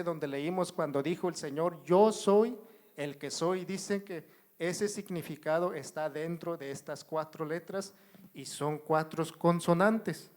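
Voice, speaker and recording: A man with a Mexican Spanish accent teaching a Bible study in a church. He writes on a board as he explains, repeats himself, and keeps asking the congregation whether they follow. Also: fairly high pitch. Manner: addresses the congregation as brothers, asks if they follow. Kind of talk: slow, repetitive Bible teaching.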